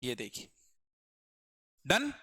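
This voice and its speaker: A man's voice: extremely slow, pushed and bright. A man with a Hindi accent teaching English grammar in a live online class, explaining patiently, repeating words and quizzing his students.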